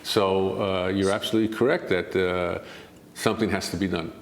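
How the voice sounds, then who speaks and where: Speaking as an interview's guest expert, an older man argues his answers in a measured way, working up to emphatic points. He has a deep voice with a steady tone, recorded in a roomy space.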